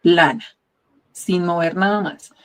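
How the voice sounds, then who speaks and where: A woman's voice: on the low side, takes it slowly. A middle-aged woman, earnestly telling her own testimony in an interview, often checking in with "¿sí?". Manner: earnest, reflective, often asks "¿sí?". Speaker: guest sharing a testimony.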